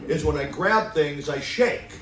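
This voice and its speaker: A middle-aged man performing a stand-up comedy set on a club stage, delivering deadpan one-liners and chuckling at his own jokes. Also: a little high, unhurried, slight background noise. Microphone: stand mic away from mouth. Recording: roomy club sound from a distance.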